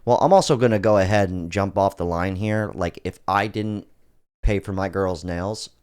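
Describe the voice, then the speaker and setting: A brash man hosts a casual podcast and reacts to clips with crude, laughing commentary. His voice sits a little low. He swears freely and gets loud when he is worked up. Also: normal speed, smooth. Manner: loud, laughing, profane banter. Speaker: podcast host.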